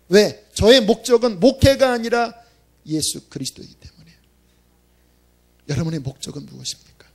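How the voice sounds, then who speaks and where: High-voiced male pastor telling stories. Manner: conversational storytelling, emphatic. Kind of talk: sermon. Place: church worship service.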